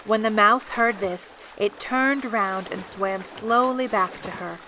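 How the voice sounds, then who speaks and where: A woman's voice: mid-range voice, takes it slowly, sharp tone, a little hiss or hum, rough recording. A woman narrator reading a scripted children's story for an audio drama.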